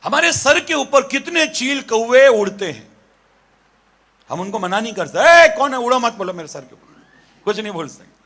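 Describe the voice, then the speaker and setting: Pastor guy preaching, pretty high voice, lively, keeps asking the crowd stuff. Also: normal speed, long pauses. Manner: animated, calls on listeners with questions. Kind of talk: sermon with jokes and questions to the congregation.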